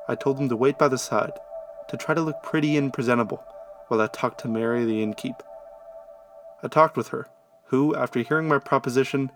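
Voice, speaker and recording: Man telling a first-person story. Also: medium pitch.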